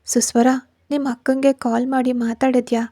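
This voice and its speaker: A possessive young husband in a spoken story, brusque and teasing with a tender streak, as a woman storyteller puts him on. The voice sits fairly high and mellow, with a narrow pitch range. It is recorded close and dry. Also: flat delivery, moderate pace, no room sound.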